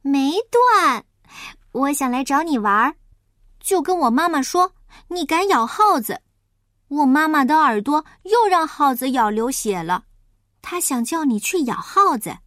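Woman doing a squeaky eager piglet boy. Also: very animated, unhurried, fairly bright tone, no echo, clean studio sound, full character voice. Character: excited little boy piglet.

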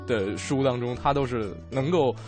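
Easygoing male radio co-host, medium pitch. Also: normal speed, darkish tone, faint music behind. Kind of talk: casual radio banter. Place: radio studio.

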